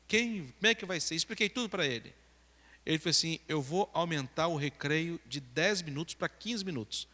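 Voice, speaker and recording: Male Brazilian pastor, high bright voice, storytelling sermon, long church-hall reverb. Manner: storytelling with swings from loud excitement to hushed gravity. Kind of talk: sermon testimony.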